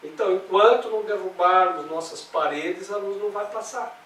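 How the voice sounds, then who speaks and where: A man's voice: high voice, normal speed, fairly bright tone. A man with a Brazilian accent leading a spiritual study group, talking conversationally with rhetorical questions. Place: meeting room. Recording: roomy, distant mic, faint noise.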